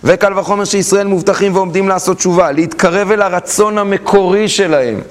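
A man teaching a Torah class, telling stories and asking the listeners questions, with an Israeli Hebrew accent. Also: high-pitched. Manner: animated, asks questions to the class and acts out story voices. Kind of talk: lively Torah lesson with storytelling.

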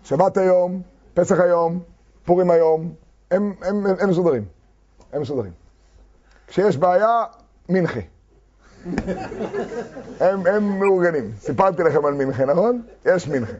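A man teaching a Talmud lesson to a class, reading quoted texts slowly and then explaining them with fervor. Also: high-pitched, darkish tone. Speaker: Torah teacher. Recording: dull lo-fi recording.

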